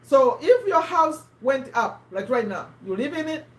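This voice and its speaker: A woman's voice: sits high, very animated, moderate pace, recorded from a distance. A woman from Uganda, hosting a live book discussion in casual, conversational talk, often restarting and quizzing her listeners. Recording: echoey room.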